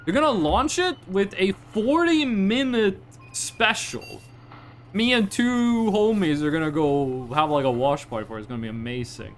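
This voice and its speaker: A young man from Northern Norway with a Northern Norwegian accent chats casually while gaming on a livestream, rambling through stories and slipping into mock-formal asides. His high voice swings widely in pitch with lively intonation at a normal speed, over a faint hum of ambience.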